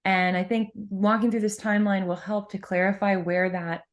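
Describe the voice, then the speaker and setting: Calm, reflective woman podcaster. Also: medium pitch, moderate pace. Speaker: podcast co-host. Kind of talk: casual podcast chat.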